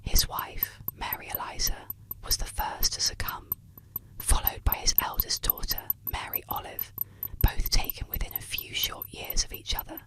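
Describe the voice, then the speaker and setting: A woman narrating eerie tales as ASMR, in a soft unvoiced whisper close to the ear. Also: moderate pace, poor audio. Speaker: ASMR storyteller. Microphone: close ASMR microphone.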